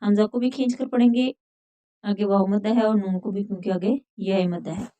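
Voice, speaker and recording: A woman teaching Quran recitation, slowly explaining how each letter is sounded. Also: medium pitch, steady tone, dark tone, dry recording. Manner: slow drawn-out chanting recitation. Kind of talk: slow, careful recitation lesson.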